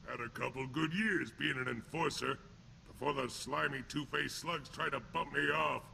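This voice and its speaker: Voicing a sneering alien thug in a video game, this actor uses an exaggerated, heavily growling, rasping delivery that is gravelly and rough with a sharp, hard edge. He boasts gruffly in blunt, crude street slang like a hardened enforcer just released from prison. His voice is mid-range at a moderate pace, with faint noise behind him.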